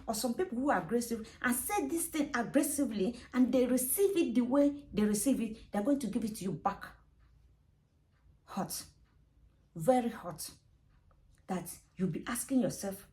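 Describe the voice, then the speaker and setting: A woman talking to camera in a casual vlog, giving relationship advice in an earnest, repetitive, gently persuasive way. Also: fairly high pitch, rough recording. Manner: looks away from camera while talking.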